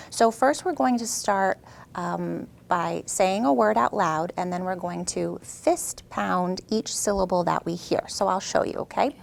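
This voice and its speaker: A woman host and teacher who explains a reading skill clearly, then coaches a child with patient, upbeat praise. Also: medium pitch. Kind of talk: scripted teaching intro and one-on-one demonstration.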